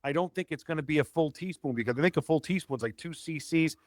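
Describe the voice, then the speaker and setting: A man's voice: fairly high pitch, fast talker, no echo. A man hosting a call-in show, talking practically and reassuringly in a casual chat. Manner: practical, reassuring, conversational with fillers. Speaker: host.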